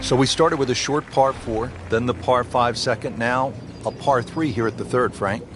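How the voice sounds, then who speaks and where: A man working as a golf play-by-play commentator, calling shots in short, measured phrases. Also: medium pitch, over music, close to an everyday voice. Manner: addresses his co-commentator by name, short measured calls.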